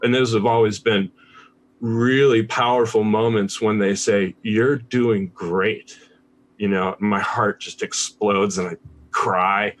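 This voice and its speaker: Chatting as a guest on a podcast, this American man is relaxed and candid, cursing without hesitation. He speaks unhurriedly in a lowish voice with little pitch movement.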